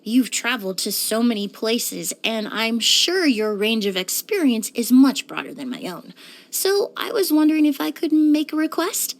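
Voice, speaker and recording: Scripted and even-tempered, the delivery belongs to a young woman voicing a composed perfumer in a game. She keeps a high voice, soft formality and measured politeness, sounding courteous and curious.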